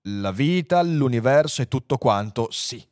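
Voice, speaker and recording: Guy putting on a calm ancient supercomputer, low and slow, lively swings in pitch. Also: dry recording, clean studio sound, lightly acted. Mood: solemn.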